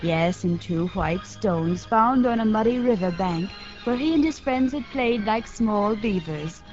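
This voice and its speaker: A woman reading a children's story aloud in a gentle, expressive way as host of a radio program, heard from an old broadcast disc recording. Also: mid-range voice, measured pace. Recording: dull lo-fi 1950s radio transcription with music.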